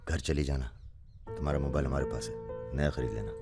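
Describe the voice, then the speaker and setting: A man's voice: extremely low pitch, a little fast, gravelly, loud music behind the voice. An actor dubbing an easygoing young male gangster in a film, talking in a casual, teasing way. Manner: casual, teasing, laid-back. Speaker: film character. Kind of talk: Hindi film dub.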